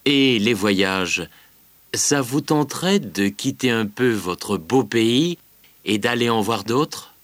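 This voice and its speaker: A man interviewing a student in a scripted language-exam dialogue, asking questions slowly and deliberately. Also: mid-range voice, lively intonation, fairly bright tone, dry recording.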